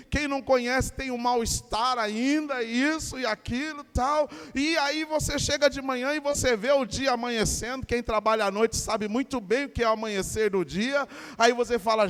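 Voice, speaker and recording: In a church with a large, open sound, a Brazilian pastor delivers a lively sermon in a very high, clear, resonant voice. His Brazilian Portuguese accent comes through as he quizzes the congregation and presses them to respond in call-and-response fashion.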